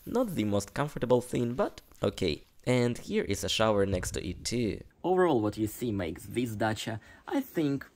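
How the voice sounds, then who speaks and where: A Russian-accented man in his twenties gives a house tour vlog from an outdoor garden plot, filming on a phone at arm's length. His slightly low voice is relaxed and chatty, and he sometimes pauses and restarts while searching for words.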